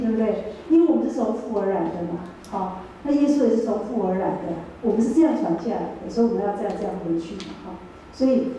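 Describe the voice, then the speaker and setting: A woman's voice: medium pitch, mellow, a little hiss or hum. A middle-aged woman with a Taiwanese Mandarin accent giving a chatty sermon, asking her listeners questions as she goes. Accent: Taiwanese Mandarin, with Taiwanese Hokkien phrases. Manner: chatty, asks the room questions. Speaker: church speaker. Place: church hall. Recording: echoey church hall, mic far off.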